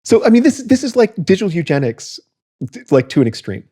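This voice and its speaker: A man's voice: high voice, very animated, quick pace, dark tone. A man co-hosting a podcast, reading quotes aloud and picking them apart, with lots of fillers and restarts. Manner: reads quotes aloud and comments critically, frequent fillers and restarts. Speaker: podcast co-host. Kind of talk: casual podcast discussion.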